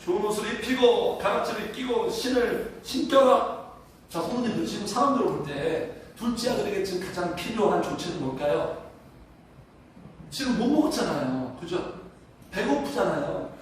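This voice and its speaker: A pastor with a very high voice delivers his sermon, and it rings through a very echoey church hall. He leads the congregation in reading aloud together and keeps asking them questions. The sound is picked up from some distance, with a faint room ambience behind him. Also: animated, moderate pace, a little hiss or hum. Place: church sanctuary.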